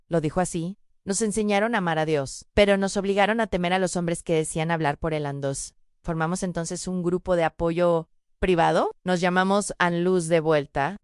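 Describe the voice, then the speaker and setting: A woman narrates a dramatic testimony in a solemn, measured way. Her voice is smooth and resonant, at an ordinary middle pitch. The recording is dry, with no room echo. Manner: solemn, measured, addresses the listener directly. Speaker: storyteller narrating a first-person testimony.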